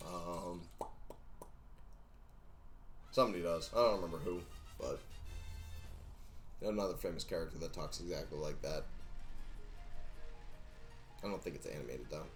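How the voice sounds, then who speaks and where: Male streamer, young adult, low-pitched, rambling and joking, desk mic, faint game music behind. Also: normal speed, pauses often. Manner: rambling, joking, counting aloud, sings to himself. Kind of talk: casual live-stream chatter while gaming.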